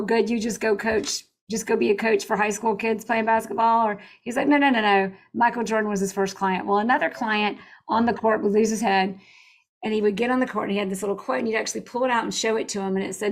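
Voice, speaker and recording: A woman hosting a podcast interview keeps things chatty and upbeat, eager to share favorite quotes and to ask her guest questions. She talks fast in a mid-range, steady, creaky voice.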